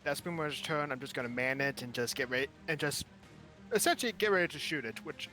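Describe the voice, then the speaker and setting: A man's voice: a little high, expressive, fast talker, pushed and bright, soft background music. A man playing a tabletop game, thinking aloud about his turn in a hesitant way. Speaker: player. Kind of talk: casual tabletop game chat.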